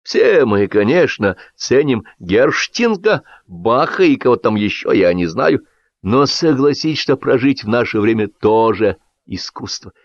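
Brief: high, pushy party host giving toasts, lively swings, read by a man, dry dull sound. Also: measured pace, no echo. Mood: toasting.

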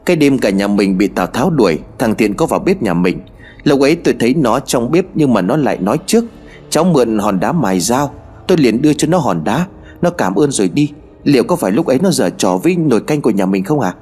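A man's voice: medium pitch, sing-song, fast talker, darkish tone, slightly rough. A man voicing a worried mother who pleads and frets in a tearful way, in a spoken horror story. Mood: uneasy.

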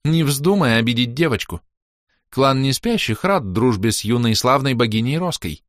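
A man's voice: a little high, big pitch swings, a little fast, a bit bright, voice pushed up. Guy voicing a tired baroness lady, dry and a bit bossy, no room echo. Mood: calm. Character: weary noblewoman clan leader, dry and commanding.

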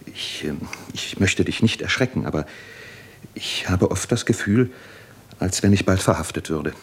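An actor playing a weary, fearful, hesitant and resigned doctor in a German radio play. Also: male voice, low-pitched, animated, moderate pace, whispered. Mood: hesitant, afraid. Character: weary, fearful male Russian doctor, Jura Schiwago.

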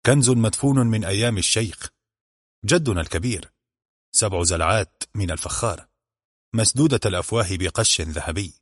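A man's voice: lowish voice, no room sound, studio quality, close to an everyday voice. A man doing an uncle reciting a family legend.

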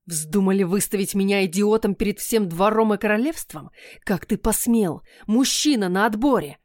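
A woman's voice: mid-range voice, normal speed, a little mellow, no echo, clean studio sound, natural voice. A woman voicing a proud, angry young male prince who gives commands and threatens. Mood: furious.

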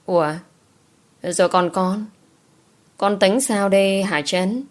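A woman's voice: medium pitch, steady tone, slow pace, close to an everyday voice. A woman voicing a stern middle-aged countryside mother who scolds her daughter firmly. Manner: firm, scolding.

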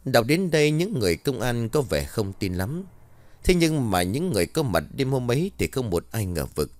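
A man narrating a scripted horror story, telling it in a lively way with dramatic swings in his voice. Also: mid-range voice, moderate pace, no echo. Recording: dry close mic with faint music bed.

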